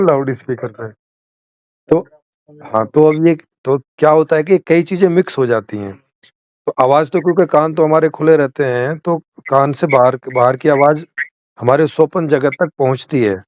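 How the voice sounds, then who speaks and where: A man's voice: medium pitch, a little mellow, no echo, dull audio. A man hosting a casual conversation over a video call, attentive and explaining with personal examples. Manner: attentive, frequent short acknowledgements. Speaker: host.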